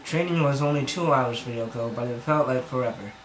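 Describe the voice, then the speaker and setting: A man's voice: mid-range voice, a little fast, crowd noise. A man giving a comic dramatic reading of fan fiction in his bedroom, rambling and self-conscious, often stumbling over words, on a camera mic. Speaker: amateur reader. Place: bedroom at home. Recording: echoey room with background noise.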